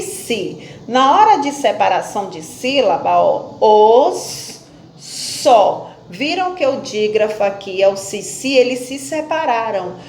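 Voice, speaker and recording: A woman teacher giving a phonics lesson, slowly spelling out and splitting words into syllables while asking questions and answering them herself. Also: fairly high pitch. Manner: slow, stretches out syllables when splitting words. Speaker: primary school teacher. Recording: echoey room with faint background noise.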